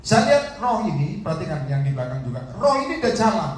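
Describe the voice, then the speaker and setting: A man preaches in a lively, swooping voice that sits a little high for a man. He talks straight to the congregation, pressing them to listen closely. He is heard from a distance in a big, heavily echoing hall with a faint hiss behind him. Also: fast. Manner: animated, addresses the congregation directly and repeatedly. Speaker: evangelist preacher. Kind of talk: sermon. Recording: echoey hall from far off, faint noise.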